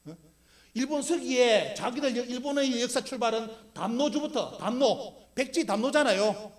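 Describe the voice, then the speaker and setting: A man's voice: very high voice, lively intonation, moderate pace. A middle-aged man giving an emphatic public history lecture with slides, constantly posing rhetorical questions and answering them himself. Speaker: lecturer for a history civic group.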